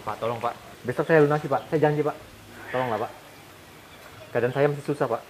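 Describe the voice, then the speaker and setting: An actor playing a poor, patient husband who drives a motorbike taxi, speaking gently and pleading, in a web drama. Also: male voice, medium pitch, fast, slight background noise, lightly acted. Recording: music playing underneath. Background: guitar music.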